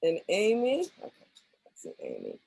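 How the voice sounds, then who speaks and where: Gentle husky-voiced woman facilitator. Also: fairly low pitch, huge pitch swings, normal speed, no echo, rough recording. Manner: gentle and apologetic. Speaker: workshop facilitator. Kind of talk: calling on participants in an online workshop. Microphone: video call microphone.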